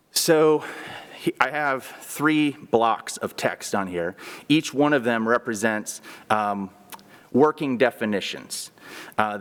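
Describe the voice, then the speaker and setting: A male teacher presents to a school board in an earnest, explanatory way, often pausing and restarting his sentences. His voice sits at an ordinary middle pitch. The sound carries the long reverb of a meeting hall. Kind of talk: formal presentation at a public meeting.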